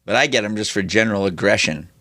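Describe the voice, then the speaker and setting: A man co-hosting a podcast in casual chat, telling profane, animated stories. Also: on the low side, fast talker, no room sound, studio quality. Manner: profane, animated storytelling with mocking put-on voices. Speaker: podcast co-host.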